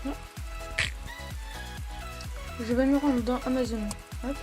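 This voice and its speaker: High-voiced woman giving a halting tutorial. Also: fairly even intonation. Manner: halting, self-correcting delivery. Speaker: tech tutorial host. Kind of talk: step-by-step phone app tutorial. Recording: background music under the voice. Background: music.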